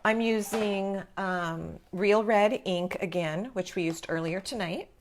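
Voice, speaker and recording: A woman's voice: mid-range voice, slow pace, a little hiss or hum. A woman hosting a live craft tutorial, talking informally and encouragingly as she explains each step. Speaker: craft class host.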